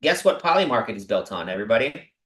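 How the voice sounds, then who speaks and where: A man hosting a livestream, talking casually and excitably to his viewers with lots of asides. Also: medium pitch, quick pace, roomy sound, poor audio. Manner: excitable, talks to viewers directly with many asides. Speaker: crypto livestream host. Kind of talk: casual livestream talk about investing.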